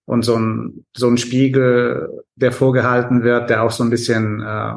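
A man's voice: medium pitch, flat delivery, normal speed, vocal fry. A man who grew up in Italy co-hosting a podcast, talking things through thoughtfully and often restarting his sentences while he searches for words. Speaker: podcast co-host. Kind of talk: casual political chat.

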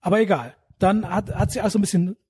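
A young man talks fast and tells a story in rough, casual slang, playing out what everyone said. His voice is fairly high but dark and husky. The sound is dry and close to the mic. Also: no echo. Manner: fast, rough street slang, acts out quotes. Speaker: podcast co-host telling a story.

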